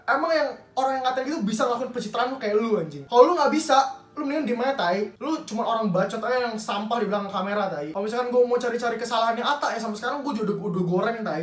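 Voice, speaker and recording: A young YouTuber using Jakarta slang rants angrily and rapidly in a commentary vlog, swearing a lot. His voice is high, and he sounds far from the mic and slightly off-axis, with a roomy echo.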